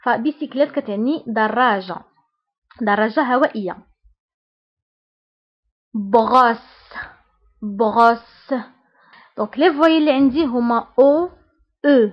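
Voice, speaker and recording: A woman with a Moroccan Arabic accent teaching a French lesson, saying each example word slowly and repeating it. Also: a little high, highs cut off. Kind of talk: language lesson.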